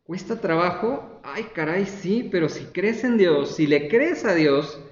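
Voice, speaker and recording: A man's voice: sits high, animated, measured pace, reverberant, lo-fi sound. A man preaching a sermon as a pastor, conversational and often asking the congregation questions.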